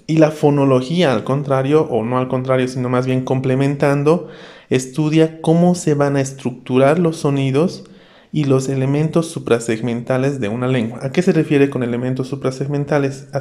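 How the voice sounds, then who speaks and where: A young Bolivian man gives an online pre-university lesson on language in a steady, mid-pitched voice. He explains step by step, stumbles over the odd word and keeps checking that his students follow. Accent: Bolivian Spanish. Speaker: teacher. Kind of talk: online class lecture.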